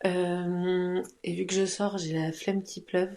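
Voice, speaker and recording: A woman with a somewhat low-pitched voice co-hosts a casual chat show. She talks in a playful, chatty way and laughs easily between her thoughts. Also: flat delivery, takes it slowly, mellow. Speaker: podcast co-host.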